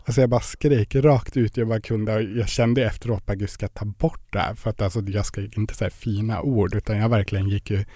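Chatty young man, dark mellow voice. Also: lowish voice, flat delivery, hardly any pauses, dry recording, clean studio sound. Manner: chatty storytelling with many fillers. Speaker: podcast guest. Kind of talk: casual interview chat.

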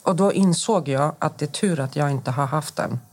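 A woman's voice: sits low, darkish tone. A woman in her forties from Sweden, a podcast guest giving a personal account in conversation. She recounts events in detail, acts out the dialogue she quotes, and often breaks off and restarts her sentences.

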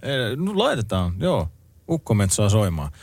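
A man's voice: on the low side, wildly swooping pitch, darkish tone, no echo. A man co-hosting a late-night radio show, reading out listener greetings and song requests in an easygoing way. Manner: easygoing, reads listener messages aloud. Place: radio studio. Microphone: close studio microphone.

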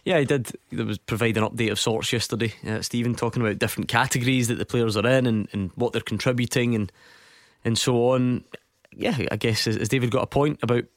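A man hosting a radio sports phone-in, steering the talk with quick banter. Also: mid-range voice, fairly even intonation, dry recording, clean studio sound.

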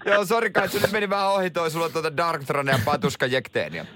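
A man's voice: on the high side, lively intonation, noisy background. A man co-hosting a radio quiz, upbeat and cheering the callers on in casual banter. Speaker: radio co-host.

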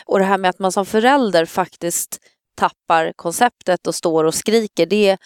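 A woman, calmly reflecting in a casual podcast chat. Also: medium pitch, clear, resonant tone, dry recording, clean studio sound. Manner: calm, reflective, supportive. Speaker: podcast co-host.

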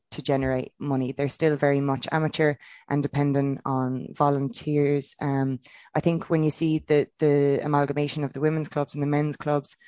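A woman's voice: low-pitched, darkish tone, dry recording, clean studio sound. An Irish woman from Kilkenny giving her views as a guest in a casual interview. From Kilkenny, Ireland. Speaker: football player and pundit guest.

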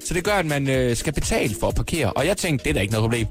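A man's voice: mid-range voice, very animated, faint music behind. A man running a quiz on a radio show, teasing the players and laughing often. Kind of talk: joking radio banter.

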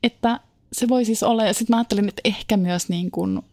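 A woman's voice: mid-range voice, a little mellow, no echo. A woman co-hosting a casual chat show, telling self-mocking stories and laughing often. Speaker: podcast co-host.

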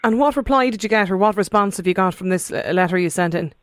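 A woman's voice: medium pitch, fast talker. A woman with an Irish accent hosts a conversational radio phone-in. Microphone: studio microphone.

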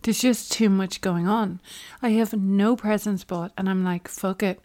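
A woman's voice: medium pitch, steady tone, measured pace, darkish tone. An Irish woman chatting casually and emotionally as a podcast co-host, her articulation slightly impeded by dental braces.

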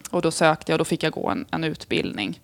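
A woman in her thirties from Sweden tells her story in a relaxed, chatty interview. Her voice sits a little low, with a gravelly fry, and she talks frankly, leaning on filler phrases. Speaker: interviewee, police officer. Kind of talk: casual conversational interview.

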